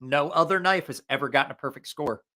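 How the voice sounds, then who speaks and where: Quick-paced and sharp in tone, a man with a slightly high voice hosts a casual gear livestream focused on knives. He wanders off on tangents, cracks jokes, curses freely, and is a touch breathless from allergies.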